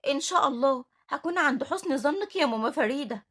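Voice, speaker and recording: A woman's voice: high-pitched, expressive, fast, a bit bright, pitched above the performer's own voice. A woman with an Egyptian accent reading the part of a frightened teenage orphan girl, speaking earnestly and pleadingly. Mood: overjoyed.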